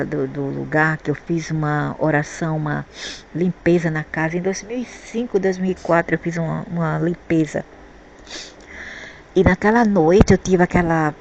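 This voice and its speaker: A woman's voice: deep voice, a little mellow, highs cut off, a little hiss or hum. A woman from Brazil telling a rambling personal story about spirits and the afterlife, often repeating words while she searches for them. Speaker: spiritual vlogger.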